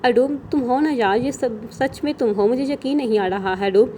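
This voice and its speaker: A woman's voice: a little high, dark tone, a little hiss or hum, natural voice. A woman reading the lines of a weary young man in an audio novel. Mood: longing. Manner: weary, then longing. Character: tired young husband.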